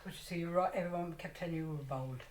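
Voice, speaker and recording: Irish woman in her sixties, kinda low voice, telling stories in an echoey room. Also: rapid-fire, darkish tone, slight background noise. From Ireland. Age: 60s. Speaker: interviewee. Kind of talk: casual storytelling.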